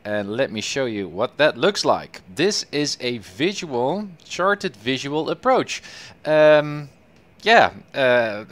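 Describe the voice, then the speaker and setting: A man's voice: mid-range voice, a bit bright. A man hosting a livestream through a headset mic, English not his first language, eager and full of ums and restarts. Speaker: livestream host. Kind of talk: casual livestream commentary.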